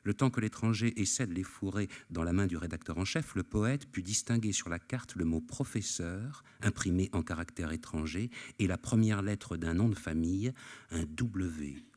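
Deep voiced guy reading a novel out loud, expressive, lots of variety. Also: normal speed. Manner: expressive, varied delivery of narration. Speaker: actor reading a novel aloud. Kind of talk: literary reading.

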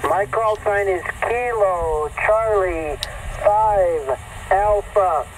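A man heard over a ham radio, relaying for a net with formal radio procedure. He speaks in a measured, patient way and asks callers to repeat and spell. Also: sits high, slight background noise, low-quality recording.

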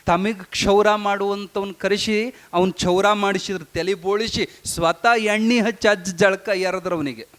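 High-voiced male preacher telling a story. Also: unhurried. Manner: lively spoken storytelling in a local dialect. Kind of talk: storytelling sermon.

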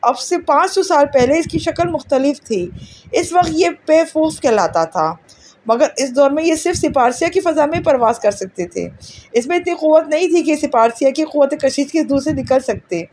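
Audiobook: high-voiced, calm, superior alien girl, patient and matter-of-fact, read by a woman. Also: a little hiss or hum. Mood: lecturing. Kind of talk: audiobook character reading.

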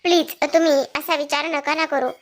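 A woman's voice: sits high, little pitch movement, normal speed, close to an everyday voice. A woman voicing a young wife who pleads and apologizes to her husband. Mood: pleading.

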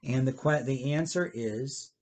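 A man's voice: medium pitch, measured pace. A man in his fifties leads a children's church lesson. He explains patiently and rephrases as he goes. He is recorded through a table webcam in a book-lined church library. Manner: gestures a lot, explains gently with rephrasing. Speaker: pastor.

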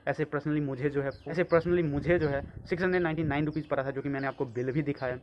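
A man's voice: on the high side, steady tone, fast talker, slight background noise. A man speaking through a face mask, casually reviewing a product on his video channel with lots of filler words. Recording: dull, muffled lo-fi sound.

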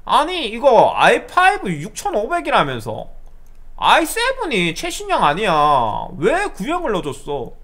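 A man voicing a rude middle-aged male customer who bullies and blusters, his voice pushed up high and loud. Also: wildly swooping pitch, measured pace, full character voice. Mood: scornful. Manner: scornful, bullying outbursts. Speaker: a customer's uncle on the phone.

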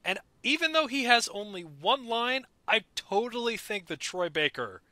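An excitable young man co-hosts a casual podcast chat. His voice is very bright and a touch high. The sound is dry and close. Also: no echo. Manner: excitable, quick to do mock voices. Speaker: podcast co-host. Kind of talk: casual chat about a cartoon.

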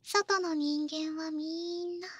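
Girl voice actor doing possessive witch caretaker, ASMR role-play, super high voice, sweetly babying but menacing, dry close mic. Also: steady tone, slow pace, no room sound. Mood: possessive coaxing. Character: possessive female wizard, coddling and controlling caretaker. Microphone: close, dry studio microphone.

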